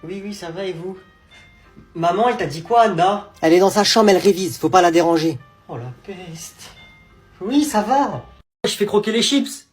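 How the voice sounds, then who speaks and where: Lively, slangy sketch comedian. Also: medium pitch, moderate pace, roomy sound, soft background music. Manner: lively slangy banter, switching between playful characters.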